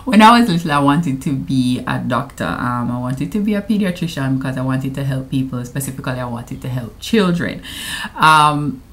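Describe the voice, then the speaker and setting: In a casual, playful anniversary vlog, a thirtysomething woman with a Jamaican accent speaks to the camera and lapses into patois. Her voice is extremely low-pitched and animated, at a moderate pace.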